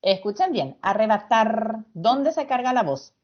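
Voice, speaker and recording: A woman teacher giving an online lesson, patient and slow, quizzing her students as she explains. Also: a little high, sing-song. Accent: Ecuadorian Spanish. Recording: lo-fi video call audio.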